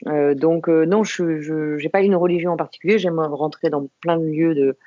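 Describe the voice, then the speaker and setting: A woman's voice: sits low, steady tone, mellow, dry recording, lo-fi sound. Reflective woman from the Paris suburbs. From Paris suburbs, France. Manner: reflective, unhurried, many pauses and restarts. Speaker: guest. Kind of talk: podcast interview conversation.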